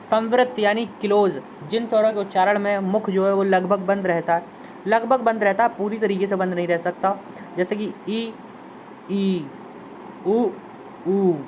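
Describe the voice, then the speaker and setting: A man's voice: high voice, steady tone, moderate pace, slight background noise, low-quality recording. A man teaching a Hindi grammar lesson, repeating terms and sounding out example vowels while inviting students to try them. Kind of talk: classroom lesson explanation.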